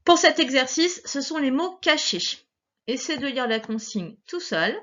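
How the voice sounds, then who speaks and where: A woman teaching a young child reading sounds, speaking slowly and carefully and stretching out each key word. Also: high voice, animated, a bit bright, lo-fi sound. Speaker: primary school teacher. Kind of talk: recorded phonics lesson for a young child.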